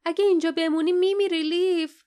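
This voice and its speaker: A woman's voice: extremely high pitch, steady tone, voice pushed up. A woman voicing a fierce young female adventurer in an audiobook, calling out urgently. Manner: pleading, shouting.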